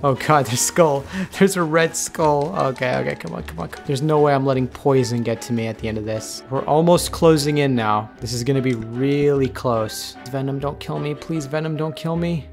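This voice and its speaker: Man, casual gameplay commentary, excitable, mid-pitched voice, soft music behind. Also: normal speed, vocal fry, few pauses. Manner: excitable, talks to game characters while playing. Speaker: gaming video creator.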